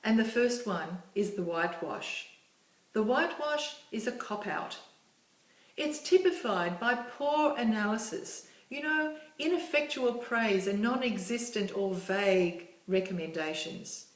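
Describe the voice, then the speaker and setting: Woman instructor, measured lecture, roomy echo, voice set back from the mic. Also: on the high side, expressive. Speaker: course instructor. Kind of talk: recorded lecture. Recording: echoey room, distant mic.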